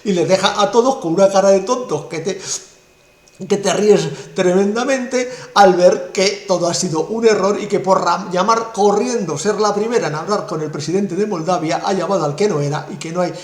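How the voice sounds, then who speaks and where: Scornful commentator, echoey. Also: male voice, high-pitched, normal speed. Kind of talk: political commentary monologue. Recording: roomy echo.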